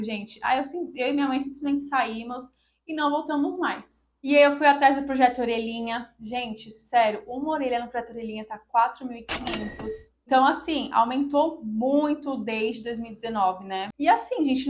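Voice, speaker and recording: A woman's voice: sits high, slight background noise. A young woman from Brazil telling viewers a personal story in a casual, emotional, indignant way, often addressing them directly. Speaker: vlogger.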